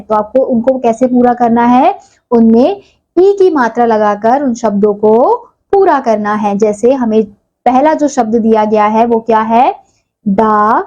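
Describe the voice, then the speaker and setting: A woman's voice: on the high side, warm tone, dull audio. A woman teaching a primary school lesson, spelling words out sound by sound and lifting her voice on each answer.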